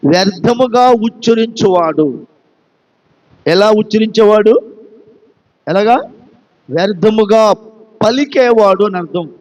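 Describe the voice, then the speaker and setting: A man's voice: high voice, long reverb tail, dull audio. A man with a Telugu accent preaching a sermon, emphatic and repeating phrases, asking his listeners question after question. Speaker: pastor.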